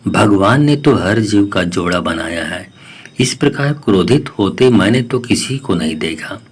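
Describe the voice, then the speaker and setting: Storybook parrot who lost his nest, soft-spoken and begging for shelter, read by a man in a low, slow voice. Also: lively intonation, slightly rough. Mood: pleading. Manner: soft, pleading. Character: homeless grieving male parrot, gentle and pleading.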